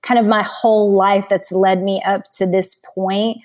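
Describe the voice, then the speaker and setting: Woman in her 40s on a podcast, frank and animated, laughs and swears a lot, mid-pitched voice. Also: unhurried. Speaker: podcast guest, coach and author. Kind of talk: casual chat.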